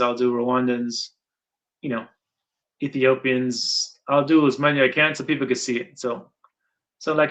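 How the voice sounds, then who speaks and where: A man's voice: medium pitch, bright, forceful tone. A middle-aged man from Guyana, chatting casually as an interviewer, rambling and repeating his points for emphasis. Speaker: interviewer and channel host. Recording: dull lo-fi sound.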